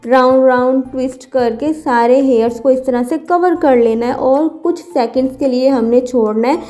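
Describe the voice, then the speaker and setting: A woman's voice: high-pitched, normal speed, dark tone, soft background music. A woman giving a patient, step-by-step hairstyling tutorial as a voice-over, often repeating words for emphasis. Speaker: hair stylist teaching a tutorial.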